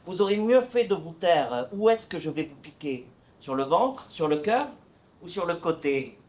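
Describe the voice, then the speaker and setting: A man's voice: on the high side, sing-song, moderate pace. A man playing a boastful, witty swordsman poet with a huge nose in an amateur stage play, reciting theatrically with hesitant fillers. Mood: defiant.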